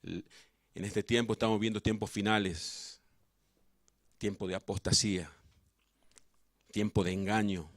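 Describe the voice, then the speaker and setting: A man's voice: lowish voice, fairly even intonation, unhurried, long pauses, fairly bright tone, no echo, clean studio sound. A man with an Argentine Spanish accent, preaching a fervent sermon as pastor in a church, with rising, emphatic peaks.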